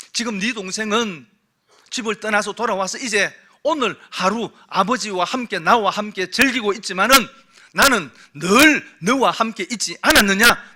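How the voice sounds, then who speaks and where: A man preaches a Sunday sermon from the pulpit of a church, speaking in a high, bright and forceful voice. He keeps putting rhetorical questions to his congregation. His delivery swings between loud, pressing emphasis and hushed, low stretches. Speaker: pastor. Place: church sanctuary.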